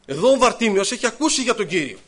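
Guy preaching a sermon, pretty high voice, goes from loud bursts to quiet mumbles and back. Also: very animated, breathy edge. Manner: swings between loud, high outbursts and low, hushed asides. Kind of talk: sermon with personal anecdotes.

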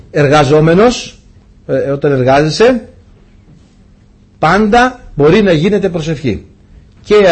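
A man's voice: fairly high pitch, a little mellow, slightly rough. A man preaching a sermon to his congregation, telling a personal story with rhetorical questions.

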